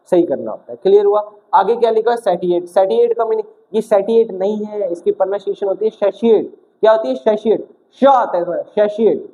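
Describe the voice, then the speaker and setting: A young man teaching exam vocabulary in a lively classroom style, asking questions and answering them himself and acting out little stories. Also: high voice, highs cut off. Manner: acts out little stories with shouted quotes. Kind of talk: energetic classroom-style video lesson.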